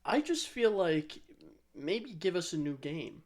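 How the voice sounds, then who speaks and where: A podcast co-host trades casual banter, his somewhat high voice swinging widely in pitch as he takes his time. He rambles, swears freely, and often pokes fun at himself.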